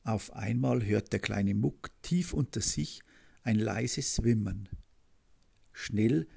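A man reading a children's story aloud, with a slow, gentle storybook manner and a husky, gravelly voice. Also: on the low side.

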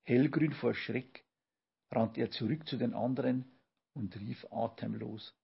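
A man narrating a children's audiobook in slow, measured storytelling, on a dull lo-fi recording. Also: mid-range voice, gravelly, husky.

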